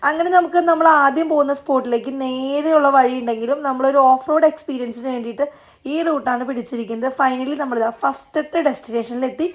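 A woman's voice: high-pitched, fairly even intonation, fast talker. A woman narrating a casual travel vlog in a chatty way, speaking straight to viewers. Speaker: travel vlogger.

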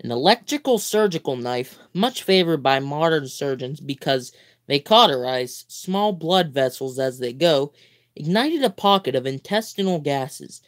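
A man's voice: a little high, expressive, a little slow, a bit bright. A sleepy young man hosting a casual live stream, reading a book aloud and breaking off with goofy, chatty asides. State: sleepy, yawning.

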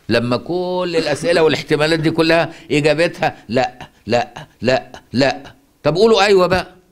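A man with an Egyptian Arabic accent teaching Quran recitation, explaining verses to a student with rhetorical questions and repeated key words. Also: mid-range voice.

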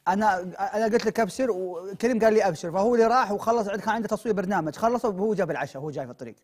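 A man's voice: sits high, rapid-fire, darkish tone. A young Saudi man in a comedy sketch, breezy and offhand, brushing worries aside with easy promises. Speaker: comedy show co-host. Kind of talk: comic sketch dialogue.

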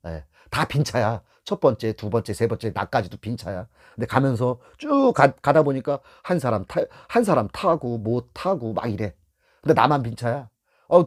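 A man's voice: mid-range voice, slightly rough. A middle-aged man who drives a taxi gives beginners blunt, casual advice, acting out scenes from the road and repeating his key points. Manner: animated, acts out scenes from the road. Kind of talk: casual spoken lesson.

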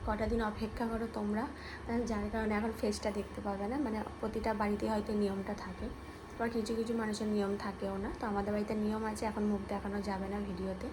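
A woman, a new mother, chatting casually to her viewers as friends in a home vlog, talking softly so she won't wake her baby. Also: medium pitch, level tone, fast, background noise. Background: background music.

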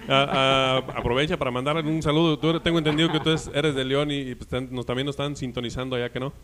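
A man's voice: mid-range voice, fairly even intonation, fast, a bit bright, slight background noise. An older man hosting a live TV program, chatting and introducing guests with many fillers. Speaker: TV host. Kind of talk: live TV presenting.

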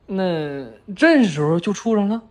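Woman playing a cheeky, bumbling boyfriend, lively pitch. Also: a little slow. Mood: eager, bumbling. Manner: bumbling, stammering, giggly. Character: cheeky, eager young childhood friend playing fake boyfriend. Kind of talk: casual comedy skit.

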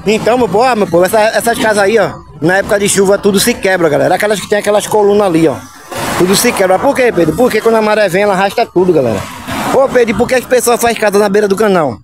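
A fairly high-pitched man with a northeastern Brazilian Pernambuco accent, talking casually to his viewers as he walks outdoors through town. He keeps turning to the audience with familiar calls as he goes. Music plays clearly behind him, and street traffic adds noise. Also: racing. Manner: chatty, keeps calling viewers "my people" and "gang". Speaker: vlogger and channel host. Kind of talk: casual vlog chat to viewers.

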